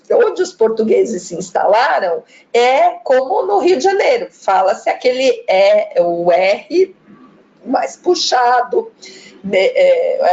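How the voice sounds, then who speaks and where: Woman presenter for an online talk: slow, chatty delivery that acts out the sounds, dull lo-fi stream audio. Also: medium pitch, darkish tone. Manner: chatty, demonstrates regional pronunciations. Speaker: lecturer on pronunciation. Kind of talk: live online talk, reading viewer comments.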